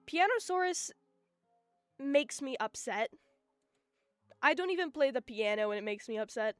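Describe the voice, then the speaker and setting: A young woman streaming live, chatting casually in an excitable, giggly, rambling way. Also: high voice, moderate pace, dry recording, clean studio sound. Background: faint music.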